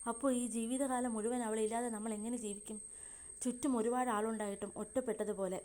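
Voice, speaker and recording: A woman voicing a lovesick, downcast young man in a read-aloud romance story, speaking in a lowered, plaintive voice. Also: fairly even intonation, brisk, a little mellow, close to an everyday voice. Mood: despondent.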